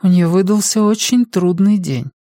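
A man voicing a fussy female nurse who speaks in a flustered, hurried way. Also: sits high, mellow, no echo, clean studio sound, pitched above the performer's own voice, natural voice.

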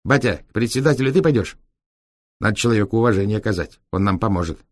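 A man's voice: on the low side, expressive, fast, no echo, clean studio sound. A man voicing a cheeky, streetwise young Roma taxi driver who talks in brash, slangy, sly banter. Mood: boastful.

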